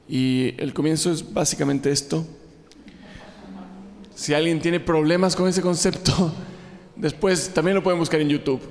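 A man's voice: on the high side, darkish tone. A man from Ecuador in his forties, an illustrator giving a humorous talk to a live audience, joking and self-deprecating, with frequent fillers and restarts. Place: large hall with an audience. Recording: long hall reverb.

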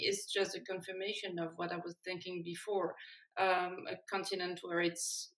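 A woman's voice: fairly low pitch, fairly bright tone, far from the mic. A woman from Morocco, a novelist guest, answering on a panel in an earnest, reflective way with frequent restarts. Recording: roomy sound from off the mic.

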